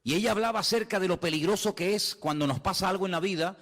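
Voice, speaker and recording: A man's voice: high-pitched, quick pace, a bit bright, in a large hall. A male pastor, preaching a sermon in a dramatic manner and acting out the quotes.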